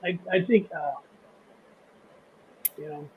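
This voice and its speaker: A man's voice: fairly high pitch, slow pace, husky, phone-quality sound. A man with a Midwestern accent hosting a casual livestream chat, rambling, restarting sentences and laughing easily. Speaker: host of a model railroad channel.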